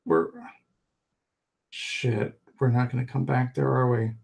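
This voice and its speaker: A man's voice: mid-range voice, steady tone, slow, gravelly, a little mellow. A man playing a panicked young man being dragged from his home, stammering and pleading.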